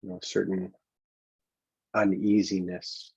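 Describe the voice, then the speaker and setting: A meditation coach with a very low, husky voice leads a guided exercise gently and improvisationally, in a level tone. He speaks slowly and haltingly, leaving long pauses between phrases, and the recording is dull, boxy, roomy and lo-fi.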